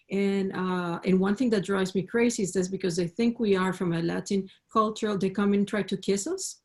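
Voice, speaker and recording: A woman from Colombia speaking earnestly as a panelist on a video call, measured and thoughtful. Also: medium pitch, darkish tone.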